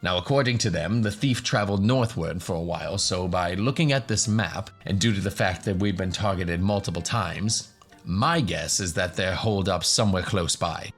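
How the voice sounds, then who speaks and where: Soft music underscores a man with a low, breathy voice speaking at normal speed as a polite professor hosting adventurers in a fantasy radio drama. He comes across as earnest and explanatory, with a touch of hesitancy.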